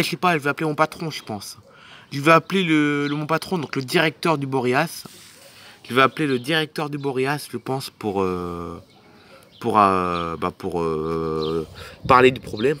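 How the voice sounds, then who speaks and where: A man's voice: mid-range voice, bright, forceful tone, pitched below the performer's own voice. A man voicing a grumpy stranded boat driver in a toy film, muttering and blaming himself. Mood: exasperated. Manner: annoyed, muttering, self-blaming.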